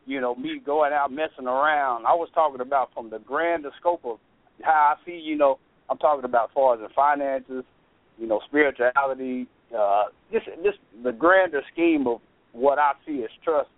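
A man from Texas calling in to a radio show over the phone, talking casually and clearing his throat now and then. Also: medium pitch, moderate pace, dry recording. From Texas, USA. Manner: relaxed and conversational, clears his throat often. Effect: calling in over a phone line to a radio show. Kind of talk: casual call-in chat. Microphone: telephone. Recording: tinny, dry phone line.

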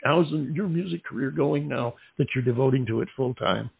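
A man's voice: mid-range voice, normal speed, gravelly, husky. A male host interviewing a musician, talking in a formal, courteous way with long winding questions. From lived in Southern California. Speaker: radio show host. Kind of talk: interview on a phone line. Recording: tinny phone-line sound.

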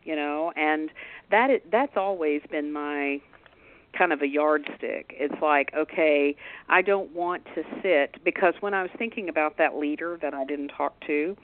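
A man's voice: a little high, slight background noise. A man co-hosting a spiritual talk radio show, speaking reflectively and conversationally while affirming his partner. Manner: reflective, conversational, quick to affirm and laugh along. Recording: tinny phone line.

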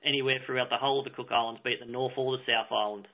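A man with an Australian accent, talking in an easygoing, relaxed way as a guest in a casual interview. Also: medium pitch, very fast. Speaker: travel company guest. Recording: tinny phone line.

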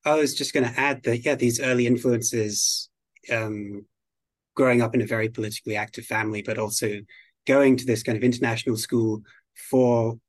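A man from the United Kingdom being interviewed as a guest on a podcast, speaking in a measured, articulate way. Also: mid-range voice, steady tone, dry recording. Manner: measured, articulate, slow and deliberate. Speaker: guest expert on biodiversity.

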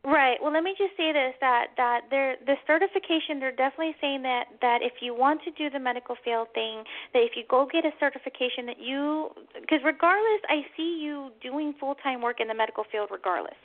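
Female psychic medium host, high pitch, comforting delivery, slightly dull lo-fi call sound. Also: a little fast, few pauses. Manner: soothing, reassuring, with endearments like "hon". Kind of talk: psychic reading for a caller.

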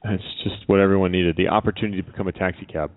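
Wry low-voiced man on a tinny line. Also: very fast, no room sound. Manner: wry, deadpan joker. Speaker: radio show co-host. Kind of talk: casual chat. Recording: dry, phone-like narrow sound.

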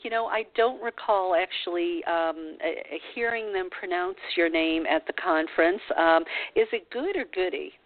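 A woman hosting a talk show who introduces her guest warmly, with many filler words. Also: on the low side, normal speed, hardly any pauses, no echo. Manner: warm and gushing, heavy on filler words. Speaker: radio show host. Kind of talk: interview introduction. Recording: tinny phone-line sound.

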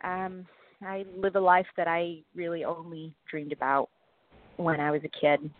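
A woman's voice: on the low side, little pitch movement, normal speed, no echo. A woman guest from Africa, chatting and laughing easily in an interview. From South Africa. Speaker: actress guest. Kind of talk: casual interview. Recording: dry tinny phone line.

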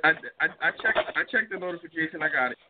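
Halting man hosting a podcast over a tinny line. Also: a little high, expressive, background noise. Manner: laughing, halting with many restarts. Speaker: podcast host. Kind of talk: casual podcast chat.

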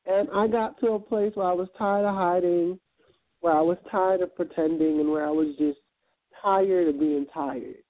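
A Guyanese entrepreneur and event planner talks motivation as a guest on internet radio, heard through a tinny phone connection. He has a high-pitched, steady voice at a normal pace, and his earnest, reflective answers are full of ums and uhs.

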